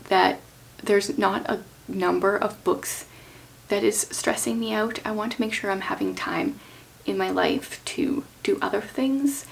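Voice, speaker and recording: A woman talking casually and chattily as a book vlogger, thinking aloud in an informal way with a creaky voice. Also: medium pitch. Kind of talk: casual chatty talk to camera about reading plans.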